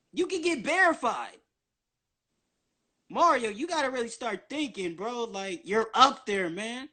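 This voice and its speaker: A man in his early twenties, a guest on a social media live stream, talks in a strikingly high voice with a bright, forceful edge. His casual monologue is nonstop, rambling chatter, slangy and heavy with swearing.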